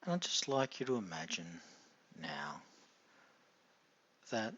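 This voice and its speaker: A man acting as a hypnotist, guiding a listener through a session with slow, repetitive suggestions and sometimes dropping to a whisper. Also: low voice, very animated, a bit bright, husky, dull audio.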